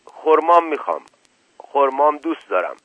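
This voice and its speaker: A man's voice: a little high, sing-song, no echo, pitched above the performer's own voice. Weak, simple-spoken pleading stranger on crutches, voiced by a male radio reader; dry lo-fi radio. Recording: tinny lo-fi radio broadcast.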